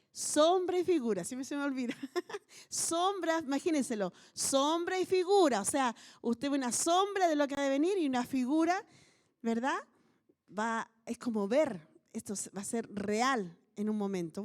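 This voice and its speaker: A woman's voice: high voice, a little mellow. A pastor with a Chilean accent preaching a sermon to her congregation in an explanatory way, often checking in with them. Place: church meeting.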